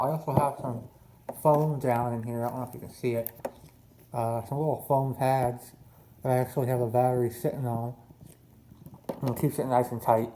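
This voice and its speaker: A mellow, dark-voiced man speaks casually, as in a hobbyist's video, at a middle pitch. His words come out thick and slightly slurred, as if his tongue is swollen. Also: a little hiss or hum, poor audio. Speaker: RC boat hobbyist showing a build. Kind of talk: casual hobby vlog talk.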